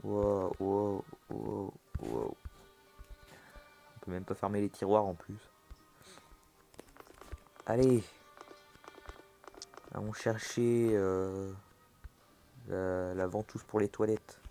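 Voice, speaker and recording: Jumpy male horror game streamer, mellow low voice. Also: level tone, slow, pauses often, soft background music. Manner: talks to the game's objects and characters. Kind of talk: casual horror game commentary.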